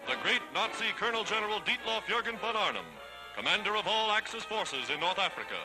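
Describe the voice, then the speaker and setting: A man's voice: high voice, animated, fast talker, poor audio. A man giving 1940s wartime newsreel narration in a declamatory, stirring and triumphant way. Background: loud music.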